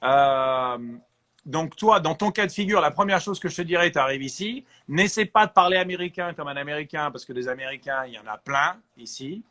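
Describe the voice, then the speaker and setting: A man from France, an actor, chatting as an interview guest and giving lively advice. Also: a little high, fairly quick. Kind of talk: casual interview chat.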